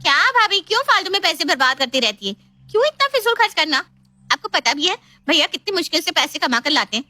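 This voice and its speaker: A woman voicing a sharp-tongued, pushy young woman in an animated family story, bossy and whiny. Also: very high-pitched, fast, dry recording, pitched above the performer's own voice, full character voice.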